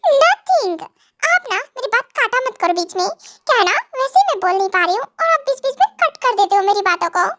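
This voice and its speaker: A woman's voice: very high voice, sing-song, a little fast, sharp tone, full character voice. A woman voicing a shy, flustered young wife in a fan audio drama, hesitant and scolding by turns.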